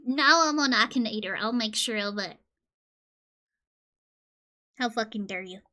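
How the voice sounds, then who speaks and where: A woman from Colombia streaming casually, joking and reading game questions aloud, with sudden loud squeals. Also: fairly high pitch, animated, a little slow.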